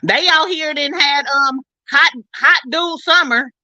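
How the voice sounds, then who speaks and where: A woman talking bluntly and loudly in a casual podcast chat, full of slang. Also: high-pitched, slow pace, dry recording, dull audio. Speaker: panelist.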